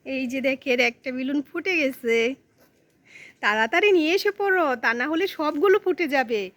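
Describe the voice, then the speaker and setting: A woman's voice: high voice, animated, normal speed, a bit bright, no echo. A woman filming and narrating a casual family vlog, coaxing her small daughter while talking to viewers.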